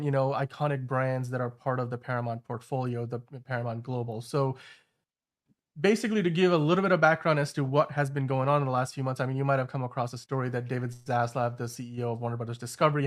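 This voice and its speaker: A man hosting an entertainment news show, giving casual commentary in a loose, conversational way with frequent asides. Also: mid-range voice.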